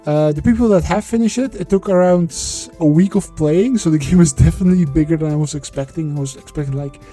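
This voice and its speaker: A man's voice, masked by a voice changer, comes across slightly high, mellow, and soft-edged as he narrates a game-development devlog. He's blunt and occasionally profane, slipping into halting, filler-filled speech off script, with faint music underneath.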